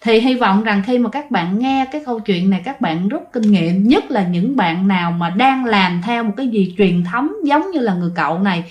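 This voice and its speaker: A woman's voice: medium pitch, animated, normal speed, hardly any pauses, a little mellow. A woman telling a ghost story in a chatty way, talking straight to her listeners. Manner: chatty, addresses listeners directly, many fillers. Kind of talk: casual spoken storytelling.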